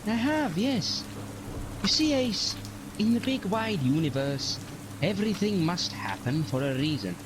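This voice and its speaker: An actor playing an enigmatic, grieving alien time traveler and mentor in an audio drama, with a theatrical, grandiose way of speaking. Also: male voice, sits high, very animated, unhurried, noisy background. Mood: musing.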